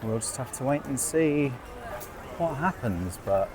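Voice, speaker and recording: A man's voice: medium pitch, lively intonation, a little slow. A man chatting casually to camera as he vlogs outdoors in a theme park, upbeat and self-mocking. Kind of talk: casual vlog chat.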